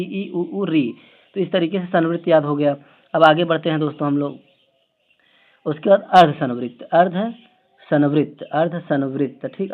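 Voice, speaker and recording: A man teaching an exam-prep grammar lesson online. He explains memory tricks, keeps asking rhetorical questions and talks aloud as he writes. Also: on the high side. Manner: talks aloud while writing on the screen. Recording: tinny phone-like audio.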